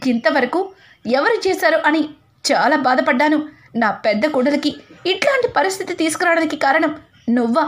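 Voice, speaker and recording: A woman's voice: high voice, animated, normal speed. A woman voicing a scheming mother-in-law who scolds her son sharply. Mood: scolding.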